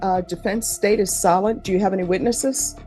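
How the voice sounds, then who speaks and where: Fields: Sex: woman. Role: judge. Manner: brisk, formal, businesslike. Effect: courtroom recording. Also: medium pitch, steady tone, mellow, faint music behind.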